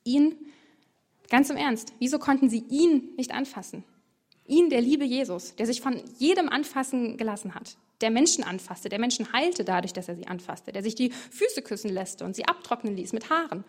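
A woman teaching on a Bible passage in a lively, colloquial way, full of rhetorical questions. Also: fairly high pitch, moderate pace. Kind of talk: devotional bible commentary.

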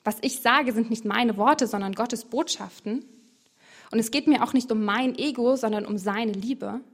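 Earnest male teacher figure, read by a woman with firm emphasis, pitched a touch high. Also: moderate pace. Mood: earnest, insistent.

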